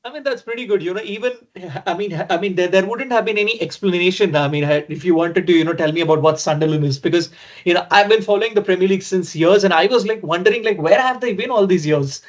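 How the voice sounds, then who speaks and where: A man's voice: high voice, quick pace. A man from India hosting a podcast interview, speaking eagerly and filling his speech with "you know". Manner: eager, uses many "you know" fillers. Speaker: podcast host. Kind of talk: casual interview chat. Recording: dull lo-fi sound.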